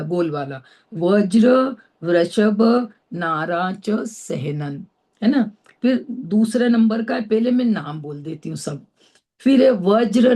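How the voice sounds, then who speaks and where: A woman from Madhya Pradesh teaching a scripture class, spelling out hard terms slowly and checking in with her listeners. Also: mid-range voice, a little mellow, husky. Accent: Indore, Madhya Pradesh Hindi. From Madhya Pradesh, India. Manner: slow, spells out terms syllable by syllable, frequent "है ना?" checks. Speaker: religious teacher. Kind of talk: slow scripture class lecture.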